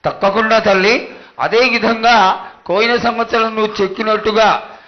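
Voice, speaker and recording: A man speaking as a priest, making a formal devotional plea in reverent, measured phrases. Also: sits high, fairly even intonation. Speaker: priest petitioning the oracle. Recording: dull lo-fi event sound.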